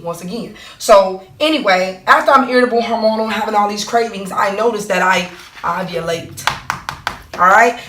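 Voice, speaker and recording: Woman, casual explainer, rhetorical questions, frequent "okay?" check-ins, mid-pitched voice, roomy echo. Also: a bit bright, recorded from a distance. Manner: asks herself rhetorical questions and answers them; checks in with "okay?" and "right?" after points. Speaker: vlogger explaining her monthly cycle. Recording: echoey room.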